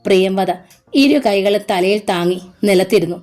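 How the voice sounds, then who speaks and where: A woman's voice: medium pitch, normal speed, darkish tone. Female audiobook narrator, emotive dramatic delivery, faint music bed.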